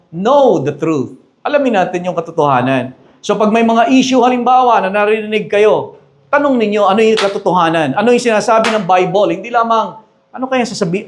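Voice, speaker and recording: A male pastor preaches with firm emphasis. He slows down on key phrases and mixes English into his preaching. His voice sits notably high for a man. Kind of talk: sermon.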